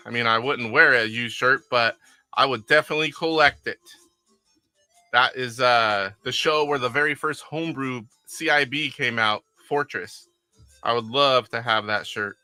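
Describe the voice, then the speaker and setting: A middle-aged retro game streamer hosts a casual live stream from his attic game room, rambling and chuckling while he plays and reads viewer comments out loud. His medium-pitched voice sounds pushed and bright, with no room sound.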